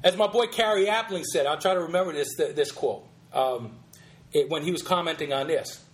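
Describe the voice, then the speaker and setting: Male podcast host, high-pitched, emphatic, sarcastic critical commentary, frequent restarts. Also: a little fast. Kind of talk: critical commentary on sermon quotes.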